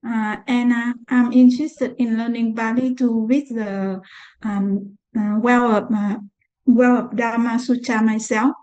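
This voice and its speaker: Mellow-voiced woman from Vietnam. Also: fairly high pitch, little pitch movement, unhurried. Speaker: student. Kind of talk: self-introduction on a video call. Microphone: video call. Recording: dull lo-fi video call audio.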